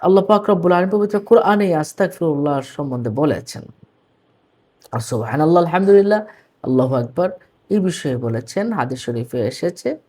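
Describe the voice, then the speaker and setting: Bangladeshi man, religious teacher; husky, pitched a bit high, formal address to viewers, slow repeated drilling. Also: a little mellow. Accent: Bangladeshi Bengali. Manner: drills words slowly, repeating right and wrong forms. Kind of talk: religious pronunciation lesson.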